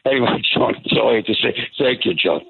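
A man's voice: medium pitch, lively intonation, fast talker, vocal fry, breathy edge. A man calling in to a radio talk show over the phone, rambling casually and chuckling. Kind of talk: call-in chat. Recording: tinny phone line with faint noise.

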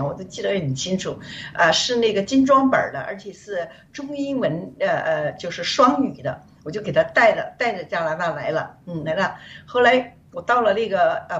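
A woman from China, a guest on a show, giving a rambling, earnest personal testimony of faith over a remote call. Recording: distant, dull, faint rumble.

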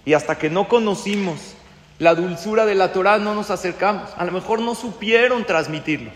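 A man gives a sermon as a rabbi, his voice pitched high. He asks his listeners questions and acts out the voices of the people in his story. The sound carries a long reverb, as if the class was recorded in a hall. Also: moderate pace.

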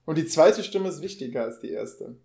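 A man's voice: fairly high pitch, normal speed, gravelly. A man co-hosts a casual podcast. He talks easily and throws in short reactions to his partner's story. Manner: relaxed, reacting with short remarks. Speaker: podcast co-host. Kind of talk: casual chat.

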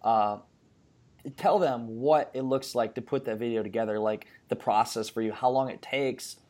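A man hosts a casual podcast interview. His voice sits at a middle pitch. He asks short, direct questions and adds quick encouraging replies. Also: a little mellow. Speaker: podcast host.

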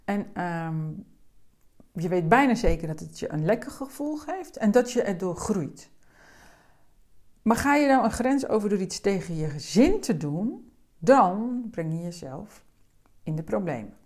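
A woman speaking as a coach, explaining slowly and gently in a calm, deliberate way. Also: medium pitch.

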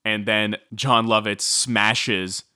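A man's voice: fairly low pitch, slow, clean tone, dry recording, studio quality. A man casually recounting a true-crime story as podcast co-host, chatty with many fillers. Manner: chatty, filler-heavy, animated when quoting.

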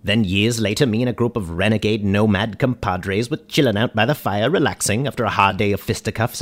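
An actor playing a goofy, cheerful ghost of a warlord in a comedy radio sketch, talking in a whimsical, rambling way. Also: male voice, lowish voice, close to an everyday voice. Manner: whimsical, rambling, sing-song.

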